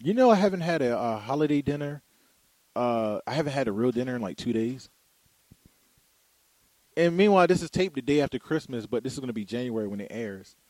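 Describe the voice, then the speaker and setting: A man's voice: mid-range voice, expressive, brisk, pauses often, a little mellow, no room sound, poor audio. A man hosting a casual interview, talking loosely with many fillers and restarts. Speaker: podcast interviewer.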